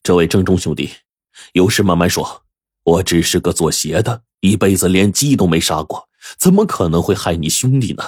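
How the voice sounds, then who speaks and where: Man as a gentle kindly shop owner. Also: deep voice, animated, moderate pace, breathy edge, no echo, clean studio sound. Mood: soothing. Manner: gentle, soothing, polite. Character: kind calm middle-aged male shoe-shop owner.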